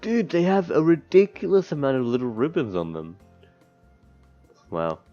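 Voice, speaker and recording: This let's player has a mellow mid-range voice whose pitch swoops wildly as he reads visual novel text at a moderate pace. He stumbles and breaks off into casual asides, with game music audible through a dull lo-fi mic.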